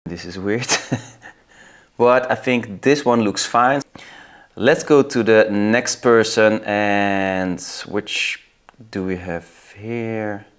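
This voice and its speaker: A middle-aged man with a Dutch accent casually walking through software on screen, thinking aloud. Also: fairly low pitch. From Netherlands. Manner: relaxed, thinking aloud, laughs at results. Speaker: video host. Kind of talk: casual screen-recording tutorial.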